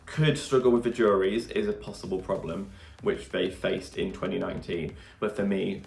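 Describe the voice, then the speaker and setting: Chatty reaction vlog guy, kinda low and gravelly, eager opinions. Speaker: reaction video host. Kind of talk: casual reaction chat to camera. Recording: roomy echo.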